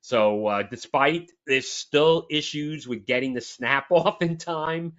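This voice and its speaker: A man's voice: fairly high pitch, takes it slowly, a bit bright. A man co-hosting a sports talk show, chatting casually and emphatically with lots of restarts. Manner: rambling, emphatic, frequent restarts. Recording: dull lo-fi audio.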